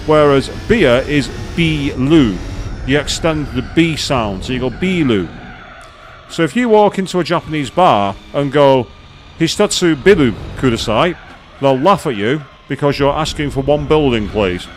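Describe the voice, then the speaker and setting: A man's voice: medium pitch, lively intonation, normal speed, few pauses, slight background noise. A man chatting casually on a live gaming stream, rambling with many fillers and restarts as he explains things to viewers.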